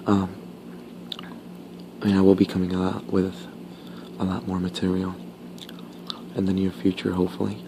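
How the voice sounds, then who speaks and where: A man whispering casual ASMR talk while chewing gum, pausing between short, halting phrases. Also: low voice, gravelly, background noise. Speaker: ASMR video creator.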